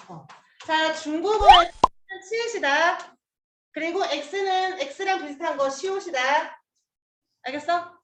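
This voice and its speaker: A woman's voice: high voice, bright, forceful tone, reverberant. A woman teacher giving a casual Chinese pronunciation lesson, chatty and coaxing, drilling sounds aloud with her students.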